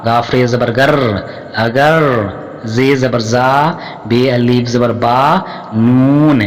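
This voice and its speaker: A man teaching Urdu reading with a Pakistani accent, spelling each word out letter by letter, drawing out syllables and repeating each word. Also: mid-range voice. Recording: long hall reverb.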